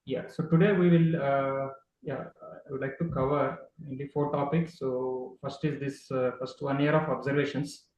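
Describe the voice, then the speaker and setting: A man's voice: medium pitch, fairly even intonation, normal speed, a little mellow, reverberant, highs cut off, a little hiss or hum. A man presenting observations of his young child on a video call, speaking hesitantly with many fillers. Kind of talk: online talk presentation.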